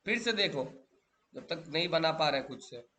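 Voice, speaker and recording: A man's voice: on the high side, animated, moderate pace, bright, forceful tone. A male teacher lecturing a class, drilling students with repeated questions and calling them beta.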